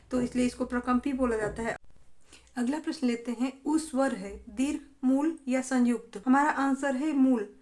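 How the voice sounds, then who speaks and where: A woman teaching an exam-prep grammar lesson, steadily reading questions and explaining each answer. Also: high-pitched.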